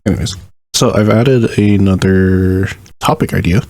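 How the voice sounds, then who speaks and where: A man's voice: low-pitched, a little slow, a little mellow, no echo. A man co-hosting a casual podcast, laid-back and dryly joking. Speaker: podcast co-host.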